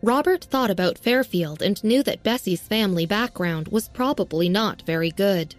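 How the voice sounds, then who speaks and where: A woman narrating a serialized audio story in a steady, even reading. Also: mid-range voice, normal speed, faint music behind.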